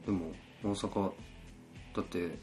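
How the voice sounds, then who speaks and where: A man's voice: deep voice, steady tone, measured pace, a little mellow, soft background music. A man from Hyogo with a Kansai accent, chatting casually on a podcast and explaining things in an easygoing way. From Hyogo, Japan. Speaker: podcast co-host. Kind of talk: casual chat.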